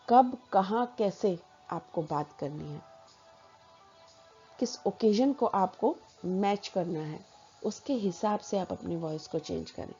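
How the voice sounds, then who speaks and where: A woman teaching a personality development lesson, explaining in a measured way with spoken examples. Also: medium pitch, dark tone, slightly rough, highs cut off.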